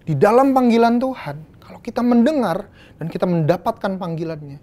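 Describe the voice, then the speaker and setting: A woman's voice: mid-range voice, lively intonation, a little fast, warm tone. A young adult woman from Indonesia, preaching a youth sermon in a casual, slangy way with English phrases mixed in.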